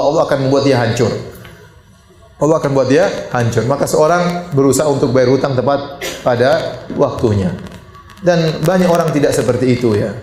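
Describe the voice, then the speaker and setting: A middle-aged Indonesian man preaching to a congregation, lively and joking, his pitch jumping high to stress a point. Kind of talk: sermon. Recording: echoey hall.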